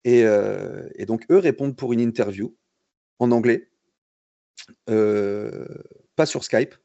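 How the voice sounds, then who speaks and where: A man's voice: mid-range voice, slow, creaky, no room sound. A young man from France chats as a guest. His talk is loose and friendly, full of fillers, jokes and false starts. His mid-range voice comes through on a dry mic with a slightly dull sound. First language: French. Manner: relaxed, joking, many fillers and restarts. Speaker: guest concept artist. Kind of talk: casual storytelling in a livestream interview.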